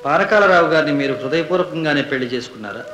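An actor playing a sharp, insistent lawyer cross-examining witnesses in an old film. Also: male voice, on the high side, expressive, racing, highs cut off. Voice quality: probing, insistent. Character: sharp probing male defence lawyer. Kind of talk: 1970s Telugu film acting. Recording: echoey old film soundtrack.

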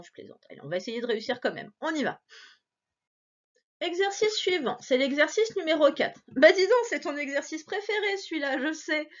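Woman teacher, remote reading lesson, lively swooping voice, higher pitch, dull lo-fi sound. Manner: encouraging, playful, slow syllable-by-syllable reading. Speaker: primary school teacher.

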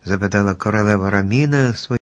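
A man's voice: fairly low pitch, quick pace. Man narrating a fairy-tale audiobook. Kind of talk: scripted storybook narration.

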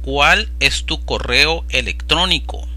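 A man with a fairly high voice and a sharp tone provides the voice-over for Spanish lesson slides. Slowly and phrase by phrase, he reads the vocabulary aloud, giving careful attention to pronunciation.

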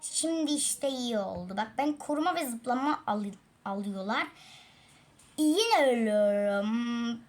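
Woman chatting over a tablet game, fairly high voice, sighs and laughs at her own fails. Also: animated, moderate pace, few pauses. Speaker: gaming channel host. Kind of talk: casual let's-play commentary.

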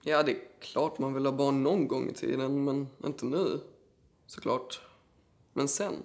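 A young actor playing a slangy, gravelly teenage boy. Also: mid-range voice, fairly even intonation, a little mellow, lightly acted. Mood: awkward. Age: teens. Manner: casual, slangy, shrugging. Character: sullen teenage boy with cancer, blunt and awkward. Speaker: teen cancer patient. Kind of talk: scripted drama, interview confessional. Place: living room indoors.

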